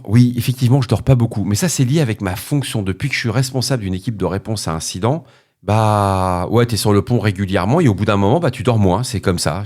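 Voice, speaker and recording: Low-voiced French podcast host, frank. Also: male voice, darkish tone. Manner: informal, rambling, frank and joking. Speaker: podcast host answering listeners. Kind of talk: casual spoken podcast.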